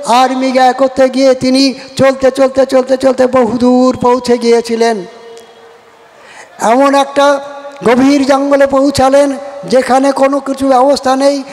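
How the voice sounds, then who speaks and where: A man's voice: very high-pitched, long reverb tail. A man from giving a devotional scripture discourse, posing rhetorical questions and answering them, repeating his phrases. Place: outdoor kirtan ground with PA.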